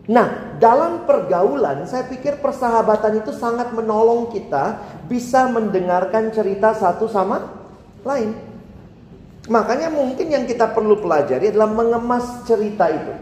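A man's voice: high voice, animated, normal speed, darkish tone, a little hiss or hum. A male preacher giving a conversational sermon, asking the audience rhetorical questions and slipping into casual slang. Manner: slips into casual slang and plays out mock dialogues. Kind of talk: sermon teaching on evangelism. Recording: roomy hall reverb with faint ambience.

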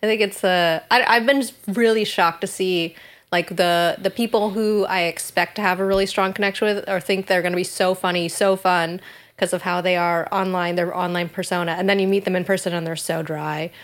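A woman's voice: on the low side, steady tone, a little fast. A woman talking in a casual, conversational way on a podcast.

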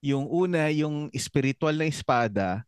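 Podcast co-host, man, casual, filler-heavy, smooth tone. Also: a little high, lively intonation, measured pace, no echo, studio quality. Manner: searching for words with frequent fillers. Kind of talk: casual chat.

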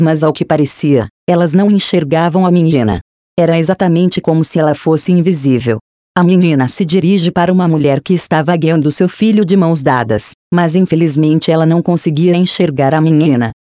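An audiobook narrator tells the story in a steady, plain reading. The voice is mellow and unhurried in tone, and the recording is close and dry. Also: mid-range voice, no room sound. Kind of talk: scripted narration.

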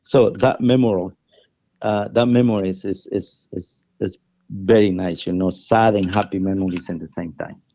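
A man from El Salvador, speaking English with a Salvadoran Spanish accent as a guest chef in an interview, in an earnest, halting way that often repeats words. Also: sits low, steady tone, vocal fry, mellow, no room sound, muffled recording. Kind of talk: casual interview conversation.

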